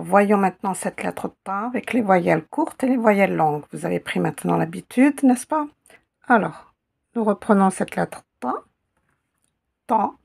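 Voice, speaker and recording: A woman teaching a slow, patient language lesson who repeats each sound carefully. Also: medium pitch, vocal fry, a little mellow, slightly rough. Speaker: Arabic teacher.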